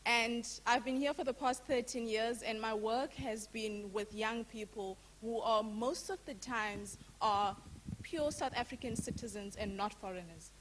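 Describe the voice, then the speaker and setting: A woman's voice: on the high side, a bit bright, a little hiss or hum. A woman from Zimbabwe who works with young people, putting a formal, earnest question from the floor of a public lecture. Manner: formal and earnest, with deliberate emphasis. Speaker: youth worker asking a question.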